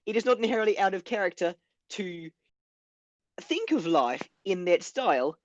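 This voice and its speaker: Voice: mid-range voice, animated, normal speed, no room sound, lo-fi sound. A tabletop player speaking in character over an online call, blunt and exasperated, pushing the story forward. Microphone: online call mic.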